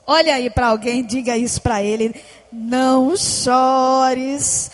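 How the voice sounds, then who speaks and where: A woman pastor, preaching a passionate sermon at a church service. She often shouts and calls on the congregation to repeat her words. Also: a little high, fairly quick. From Northeast Brazil. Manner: impassioned preaching, often shouting, with call-and-response prompts to the congregation. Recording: long church hall reverb.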